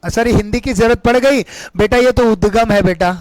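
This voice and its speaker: A man's voice: very high-pitched, normal speed, darkish tone, dry recording, low-quality recording. A man teaching English grammar for exams, emphatic and repetitive, often asking the students questions and calling them beta. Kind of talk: exam-prep lesson.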